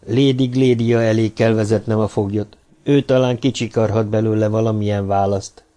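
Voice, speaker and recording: A man's voice: lowish voice, fairly even intonation, warm tone, lightly acted. A man reading an audiobook, voicing a humanoid male robot who questions firmly and insistently, his voice raised above his narrating tone.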